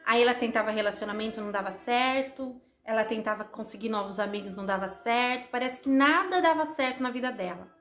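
A woman telling a simple spoken story in a gentle, casual way, often pausing and repeating herself. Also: a little high. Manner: gentle, repetitive storytelling with many hesitations. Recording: echoey room with faint music.

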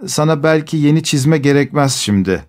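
A man voicing a pushy young coachman who wheedles and hesitates with a drawn-out "e" sound. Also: on the high side, animated, a little mellow, pitched above the performer's own voice, lightly acted. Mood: wheedling. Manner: nudging, starts lines with hesitant "e".

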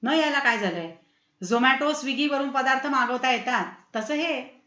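A woman's voice: high-pitched, a little slow, bright, forceful tone, roomy sound, dull audio. A woman voicing an eager, insistent young man who is teaching his parents, in a read-aloud story.

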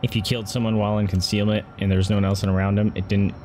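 This man's voice is fairly low and a little mellow, delivered flatly and quickly. He's a game streamer at an indoor computer setup, reacting and cursing through casual live gameplay commentary aimed at himself and his audience while game music plays.

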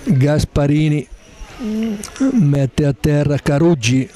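A man's voice: fairly high pitch, fairly even intonation, over music. A man doing live football commentary, the kind that erupts at goals. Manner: erupts into drawn-out shouts at goals. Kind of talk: live Italian-style football goal commentary. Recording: crowd noise around the commentary. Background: match crowd.

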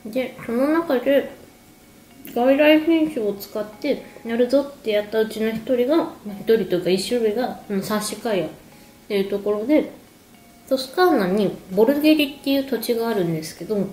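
Talking a little fast in a fairly high, darkish voice, a woman in her thirties hosts a wine explainer video, casually addressing the camera as she sips a drink and snacks. She records in an echoey room at home, with background music and slight noise.

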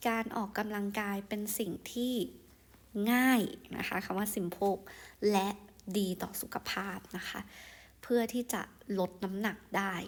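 A young woman tutoring exam English, reading each sentence aloud, then translating and explaining patiently in a soft, friendly way. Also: medium pitch. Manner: soft, friendly tone with frequent polite particles. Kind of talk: exam-prep lesson, explaining answers.

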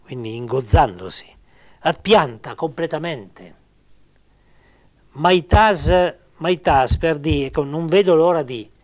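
A man giving an informal grammar lesson, halting and searching for words, repeating terms slowly as he explains. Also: a little high, lively intonation. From Argentina. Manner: slow, deliberate, repeating words. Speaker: language teacher.

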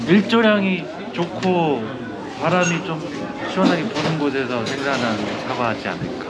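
A man's voice: a little high, moderate pace, over loud music, rough recording. A man talking through a face mask as he walks and eats through a traditional market, chatty and thinking aloud. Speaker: market food vlogger. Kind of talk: casual food tasting vlog. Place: busy traditional market outdoors. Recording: loud street noise behind the voice.

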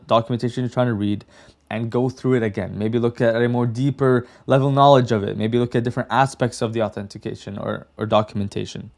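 A young man hosting a casual coding tutorial, chatty and direct, often saying "like" and "okay". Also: medium pitch. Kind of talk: casual screen-share tutorial.

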